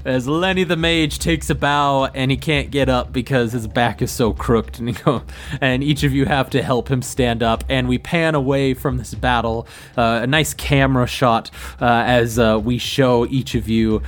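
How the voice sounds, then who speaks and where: A man's voice: medium pitch, fairly even intonation, normal speed, slight background noise. A man acting as game master, improvising narration for a tabletop game.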